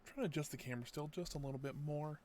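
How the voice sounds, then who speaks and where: A man's voice: fairly high pitch, racing, a little mellow. A man streaming a game over livestream headset audio, chatting casually and rambling to himself as he sorts out his setup. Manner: rambling, talks to himself while fixing things. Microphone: gaming headset mic on a livestream.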